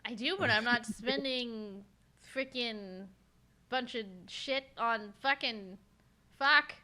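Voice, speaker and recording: A woman with a bright, forceful voice sitting a little high, chatting as a co-host. She rambles with fillers and the odd curse word. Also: slow. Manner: chatty, swears, many fillers. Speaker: podcast co-host. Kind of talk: casual chat.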